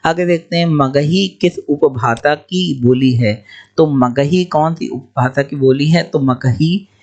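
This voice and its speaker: A young man teaching exam questions, explaining each answer briskly and repeating key points. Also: a little high, darkish tone.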